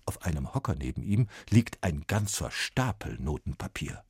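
A man narrating a scripted story in a calm, measured reading voice. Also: rumbling low, slightly rough, no room sound, clean studio sound.

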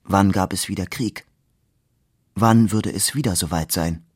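A man with a low voice reads a novel aloud, measured and expressive. The recording is dry and close with no room sound. His pace is steady. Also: slightly rough, no echo. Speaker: reader. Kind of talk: literary reading.

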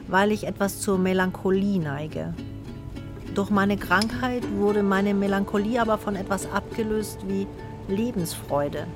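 A woman reads her own reflections in a thoughtful, inward voice. Her pitch sits in the middle. Music plays clearly beneath the narration. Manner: thoughtful, introspective.

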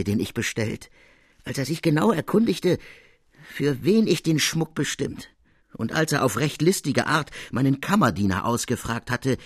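A man's voice: mid-range voice, slightly rough, dry recording, studio quality. Casting: frank, proud male guard officer, firm and emphatic, read by a male narrator in an audiobook.

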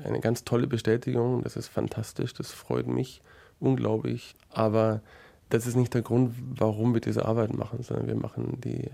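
A man's voice: mid-range voice, vocal fry, warm tone. A newspaper journalist, a man, speaking earnestly in an interview, with some fillers.

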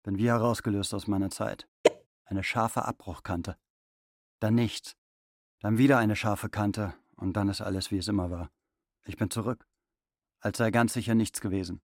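A man playing a driven chairman, measured and dry. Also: on the low side, steady tone, dry recording, close to an everyday voice. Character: driven male company chairman hiding breakdowns. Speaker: company chairman. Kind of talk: literary radio play acting.

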